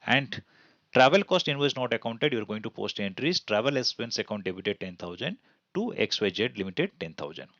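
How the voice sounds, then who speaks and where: A man with an Indian accent, an accounting instructor, explains concepts over slides in a didactic way, raising questions and answering them himself. His voice is on the low side, brisk and a bit bright, with big pitch swings; the audio has no echo but sounds dull.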